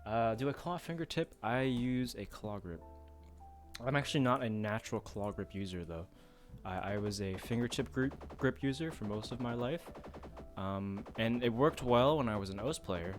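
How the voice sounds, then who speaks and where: Faint music plays behind this male streamer as he talks through his gameplay in a loose, informal way, often putting himself down. He has a medium-pitched voice and keeps a moderate pace.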